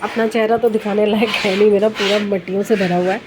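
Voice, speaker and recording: A woman talks her viewers through renovation work in her home. She keeps her voice low and chatty, with the camera held close to her. The room behind her is noisy. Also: little pitch movement, quick pace. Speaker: home vlogger. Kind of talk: casual home renovation vlog. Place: home under renovation, indoors. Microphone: handheld camera held close.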